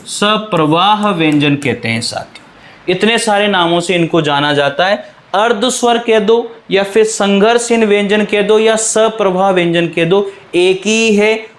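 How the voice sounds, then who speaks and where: Male tutor, Rajasthani Hindi accent, high voice, drills terms with repeated questions. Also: a bit bright. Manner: addresses students as companions, reassuring. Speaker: Hindi grammar teacher. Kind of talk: classroom lecture.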